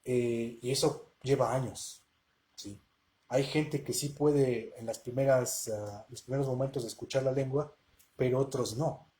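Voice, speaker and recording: A man's voice: medium pitch, steady tone, unhurried, mellow. A man hosting a live question-and-answer language lesson, talking casually and often checking in with his listeners. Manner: conversational, checks in with rhetorical questions.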